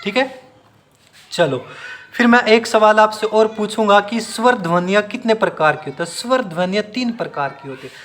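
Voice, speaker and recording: Speaking at a moderate pace in a high-pitched, slightly bright voice, a man runs a classroom-style video grammar lesson for exam students. He demonstrates by elongating sounds and keeps drilling with the same questions and answers.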